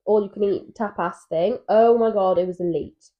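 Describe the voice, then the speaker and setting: A young woman in her twenties co-hosting a couples podcast, chatting casually and telling stories with animated asides. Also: medium pitch, moderate pace. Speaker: podcast co-host. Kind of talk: casual chat. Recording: dull lo-fi mic sound.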